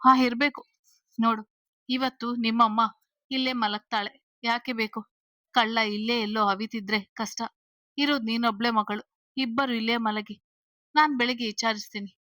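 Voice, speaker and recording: A woman voicing a stern, protective middle-aged father who asks loud, probing questions in an audio story. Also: fairly high pitch, fairly even intonation, normal speed, pauses often, no room sound. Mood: concerned.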